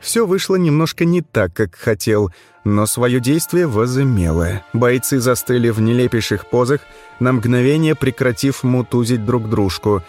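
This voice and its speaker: A man's voice: mid-range voice, normal speed, darkish tone, faint music behind. Male audiobook narrator, wry storytelling. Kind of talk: scripted narration.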